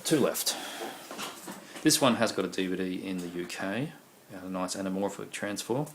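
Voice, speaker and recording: A man whose voice sits low talks at a moderate pace about his video collection, casually and loosely, with many ums and uhs. The noisy home recording catches his voice as it gives out.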